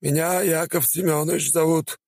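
A man's voice: fairly high pitch, steady tone, normal speed, darkish tone, no room sound, clean studio sound, voice pushed up. A man doing a spry jovial old teacher. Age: older.

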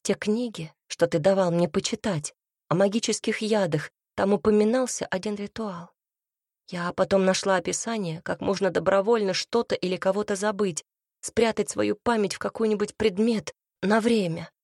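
A woman's voice: mid-range voice, normal speed, a little mellow, no room sound, clean studio sound, natural voice. A woman reading the part of a self-sacrificing young woman in a storybook, speaking in an earnest, pleading way.

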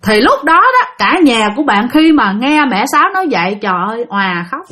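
A woman's voice: fairly high pitch, sing-song, a little fast, pushed and bright. A woman with a Southern Vietnamese accent, telling listener-sent ghost stories in a chatty way, speaking directly to her audience. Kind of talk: spoken storytelling.

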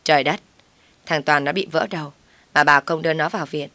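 A woman's voice: deep voice, fairly even intonation, fairly quick, sharp tone, no room sound. A woman voicing a frank, blunt older mother defending her daughter.

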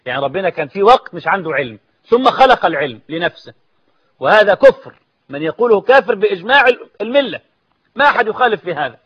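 A man's voice: high-pitched, big pitch swings, racing, a bit bright, breathy edge, muffled recording. A man with an Egyptian accent telling a story as a sermon, mixing classical quotes with colloquial asides and rising to emphatic outbursts. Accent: Egyptian Arabic. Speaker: preacher.

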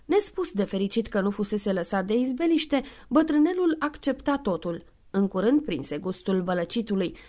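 Measured woman reading a novel aloud. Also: mid-range voice, lively intonation, mellow. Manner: measured, clear reading with spoken footnotes. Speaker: audiobook reader. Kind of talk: scripted narration.

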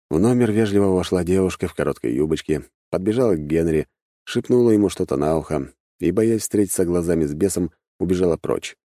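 Deep-voiced male audiobook narrator. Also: mellow, no echo, clean studio sound.

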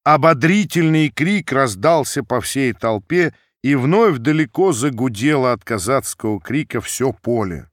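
A man narrating classic prose for an audiobook with an expressive delivery. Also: medium pitch, a little slow, few pauses, dry recording, studio quality.

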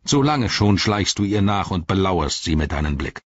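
A man voicing a grave, shrewd old wizard who speaks low and measured. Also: very animated, lo-fi sound. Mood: stern.

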